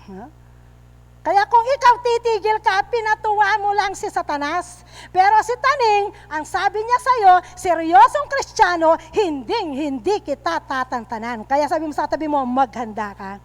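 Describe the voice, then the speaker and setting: Woman, pastor, Filipino accent, very high pitch, church sermon, emphatic, mixes in English. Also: animated, moderate pace. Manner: emphatic preaching that drops to hushed storytelling, mixing in English.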